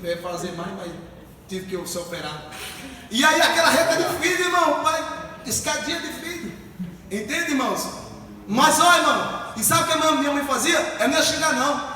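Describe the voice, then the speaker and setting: High-voiced pastor, echoey hall. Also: male voice, a little hiss or hum. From Northeast Brazil. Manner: storytelling, bursts into shouted exhortation. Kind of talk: Pentecostal sermon. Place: church hall. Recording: echoey church hall, far from mic.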